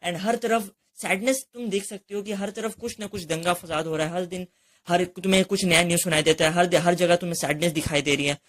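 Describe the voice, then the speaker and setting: A young man delivers an earnest motivational monologue with a slightly high voice. He drives his points home through repetition, speaking straight to the listener and slipping English phrases into his talk. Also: flat delivery, brisk, fairly bright tone. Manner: mixes English phrases into Hindi speech.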